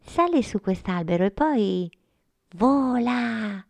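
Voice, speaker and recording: Woman playing a little storybook girl, kind, encouraging, high. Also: animated, slow pace, vocal fry, dry recording, exaggerated voice. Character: gentle little girl with a megaphone.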